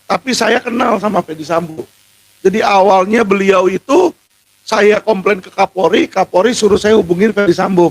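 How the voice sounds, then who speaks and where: A middle-aged man, a lawyer, giving an impassioned, indignant speech that rises at times to shouting. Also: sits high, low-quality recording.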